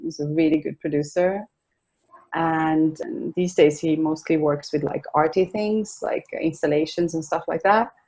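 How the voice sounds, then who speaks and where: A young woman with a Swedish accent, a singer-songwriter guest chatting casually in an interview over a video call. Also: lowish voice. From Sweden. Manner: relaxed and chatty, with soft laughs and restarts. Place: home in a city apartment.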